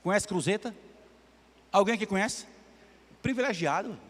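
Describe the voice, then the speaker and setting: A pastor preaches a sermon in a church sanctuary, telling a story and animatedly acting out its dialogue. His high voice moves at a moderate pace, and the recording carries long church-hall reverb.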